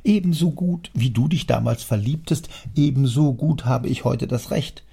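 A man's voice: medium pitch, moderate pace, gravelly, dark tone, breathy edge, voice pushed up. A man doing an earnest young son. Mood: triumphant. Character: young grown son, pleading then defiant.

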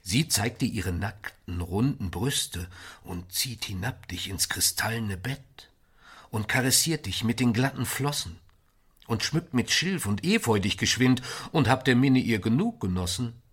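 A man reciting a poem with expressive delivery, his volume swelling and dropping. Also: medium pitch, unhurried, husky. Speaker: poetry reciter. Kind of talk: dramatic poetry recitation.

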